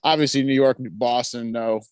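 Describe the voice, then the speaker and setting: A man's voice: medium pitch, fairly even intonation, normal speed, slight background noise. A man in his forties calling in over a video call, chatting casually, hesitant and often stammering and repeating himself. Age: 40s. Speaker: caller. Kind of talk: casual chat.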